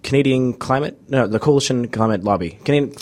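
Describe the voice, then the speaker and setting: A man co-hosting a podcast, speaking in a halting, hesitant way with frequent pauses and uhs. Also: medium pitch. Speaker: podcast co-host. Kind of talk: casual podcast discussion.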